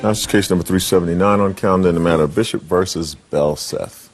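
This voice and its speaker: Fast-talking male bailiff, low voice. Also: soft background music. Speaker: court bailiff. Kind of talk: formal courtroom announcements.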